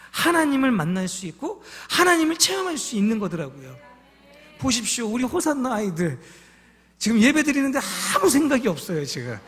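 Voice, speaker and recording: Emotional Korean pastor in a reverberant church. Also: male voice, very high-pitched, a bit bright. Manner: emotional storytelling, asks the congregation questions. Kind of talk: sermon. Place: church sanctuary.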